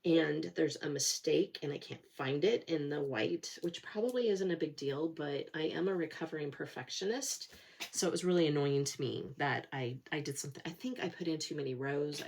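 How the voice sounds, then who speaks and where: Her voice is low, gravelly and a little mellow as this middle-aged woman talks casually to camera about her cross-stitching. A cold has left her slightly nasal with a sore throat, and she rambles along, self-deprecating and full of fillers.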